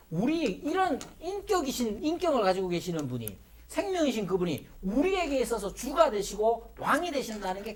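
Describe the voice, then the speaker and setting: A man, a pastor, teaching a Bible study class in a church classroom, asking rhetorical questions and acting out playful mock prayers. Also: high voice.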